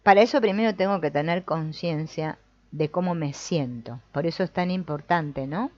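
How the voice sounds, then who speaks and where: Low-pitched and darkish in tone, this woman speaks at a moderate pace while leading a family constellations group. She reads passages from a book, reflects on them, and often adds "no?" or "mm?" to check in. The dry, lo-fi recording is dull with no room sound.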